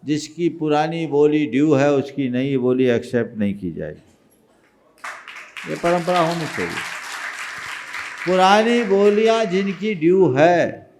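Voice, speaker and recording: Emphatic male monk preaching. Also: on the high side. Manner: emphatic, scolding rhetorical questions, swings between loud and soft. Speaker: Jain monk giving a discourse. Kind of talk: sermon answering questions.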